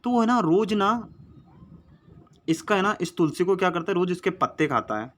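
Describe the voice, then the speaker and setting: A man's voice: sits high, expressive, moderate pace, a bit bright, slight background noise. Chatty man teaching exam mnemonics. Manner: chatty and coaxing, repeats mnemonics, calls viewers 'yaar'. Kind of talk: casual chatty Hindi lesson. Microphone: phone recording.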